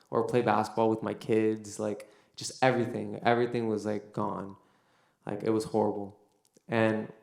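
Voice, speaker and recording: Young male speaker with a gravelly low voice, loose storytelling with lots of fillers, recorded in an echoey room. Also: a little mellow. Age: young adult. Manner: casual storytelling, many fillers. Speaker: son giving a testimony. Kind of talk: personal faith testimony. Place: university venue.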